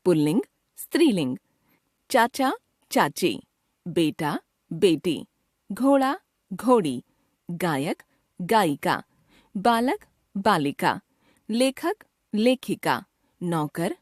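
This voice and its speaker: A woman narrating a scripted grammar lesson for children, with slow, careful enunciation and an expressive teacherly lilt. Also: on the low side, no echo, clean studio sound.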